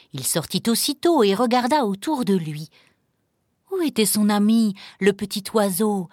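A woman narrating a children's story in a slow, gentle, clearly paced manner. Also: medium pitch, no room sound, clean studio sound.

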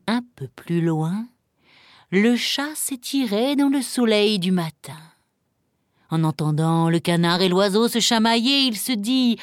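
A woman narrating a children's story in a slow, gentle, clearly paced manner. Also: mid-range voice, no echo, studio quality.

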